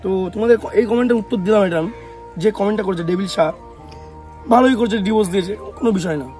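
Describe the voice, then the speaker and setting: Speaking fast to his camera, a young West Bengal vlogger responds to comments about himself in a voice that sits very high for a man and is a little mellow. He's defensive, throws rhetorical questions back at critics, and addresses viewers as "bhai" while faint music plays underneath.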